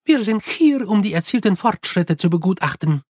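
A man's voice: sits high, lively intonation, moderate pace, darkish tone, breathy edge, dry recording, clean studio sound, pitched above the performer's own voice. A man voicing a stiff, formal noblewoman who speaks primly.

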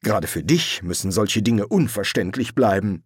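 A man's voice: lowish voice, animated, normal speed, slightly rough, no room sound, clean studio sound. A man doing a fussy, prim angel. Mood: earnest. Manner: prim, earnest, slightly raised voice. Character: fussy, gentle, anxious male angel. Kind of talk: audiobook character voice.

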